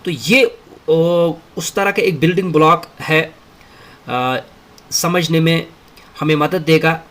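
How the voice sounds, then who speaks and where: Slow, bright-voiced male Arabic teacher. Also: on the high side. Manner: mixes Hindi-Urdu and English, reads Arabic drills aloud; slow and deliberate, with many drawn-out fillers. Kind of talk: spoken lesson.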